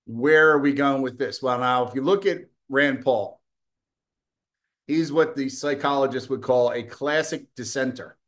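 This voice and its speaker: A man's voice: medium pitch, unhurried, a bit bright. A middle-aged man hosting a political commentary show, delivering a combative, scornful and profane opinion monologue, with occasional coughing.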